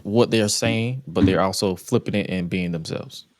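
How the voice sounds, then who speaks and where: Man, podcast co-host, fairly low voice, blunt opinions, slangy casual talk. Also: normal speed, a little hiss or hum. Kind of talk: casual group chat.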